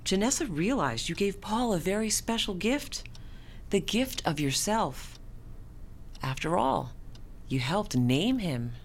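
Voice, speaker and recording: In a radio drama, an actress plays a hospital staffer who is composed and firm yet compassionate, speaking in a measured, formal, consoling manner. Her voice is medium-pitched with big pitch swings, and there's slight background noise.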